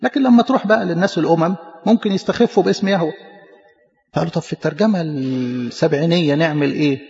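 This preacher, speaking with an Egyptian Arabic accent, moves at a quick pace in a high, gravelly voice with a darkish tone. His sermon teaching is emphatic, broken by stumbles on repeated syllables, and the muffled recording has a long hall echo.

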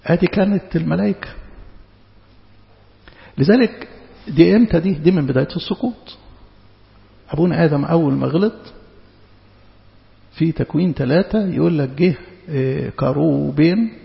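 Gravelly Egyptian preacher in a hall. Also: male voice, fairly high pitch, brisk, long pauses. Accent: Egyptian Arabic. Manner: conversational, asks rhetorical questions. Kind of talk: sermon. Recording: long hall reverb, dull sound.

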